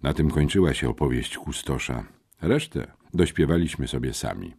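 An older man with a husky voice narrating an audiobook in an animated storytelling manner. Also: normal speed. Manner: animated storytelling, lively shifts in pitch. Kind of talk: scripted narration.

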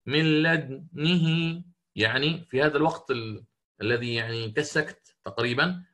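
A man teaching a lesson on Quran recitation, explaining patiently and slowing down to chant verses as examples. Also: medium pitch, a bit bright. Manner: explains patiently, checks in with listeners.

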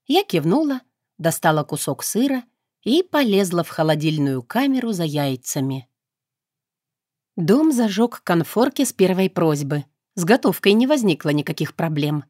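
A woman narrating a first-person audiobook in an even, measured way. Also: on the low side, no echo, studio quality.

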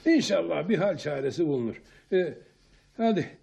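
Gravelly, lively village headman. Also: on the high side, normal speed, full character voice. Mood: friendly, polite. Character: courteous, grateful male village headman. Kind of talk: radio play acting.

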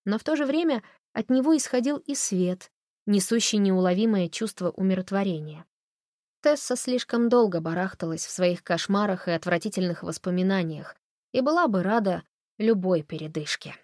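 A woman's voice: mid-range voice, expressive, moderate pace, a little mellow, dry recording. Woman narrating an audiobook, dry sound.

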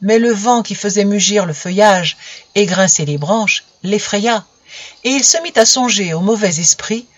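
A narrator reading a story aloud in an even, measured way. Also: medium pitch, no room sound.

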